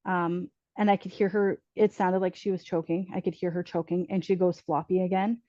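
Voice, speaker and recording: A woman on a podcast sharing a personal story earnestly, pausing often with ums and restarting her sentences. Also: on the low side, little pitch movement, mellow, no echo, muffled recording. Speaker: podcast guest telling her birth story.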